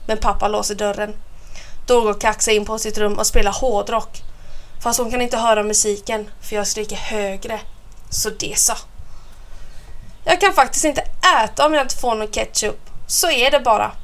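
A woman's voice: medium pitch, fairly even intonation. A woman reading a children's story aloud in a playful first-person voice.

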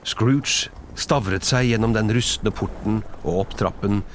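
A man reading a classic story aloud as narrator, telling it in an expressive storybook way. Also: fairly low pitch, a little hiss or hum.

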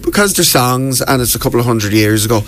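A man's voice: medium pitch, animated, quick pace, a bit bright. A man with a Wexford Irish accent chatting as a tour guide in a radio interview, telling things in an enthusiastic, informal way. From Wexford, southeast Ireland. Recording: clearly noisy background.

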